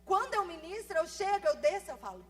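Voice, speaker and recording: High-voiced fast-talking woman pastor preaching. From Brazil. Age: 30s. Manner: fast-talking, animated, swings from soft asides to loud emphasis. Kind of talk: sermon. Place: church.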